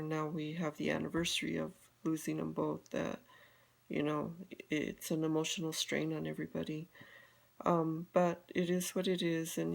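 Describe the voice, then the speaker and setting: An older woman from Colorado, USA, a beauty guide vlogger, chats casually on a live video, rambling with many fillers and restarts. Her voice is low, with vocal fry.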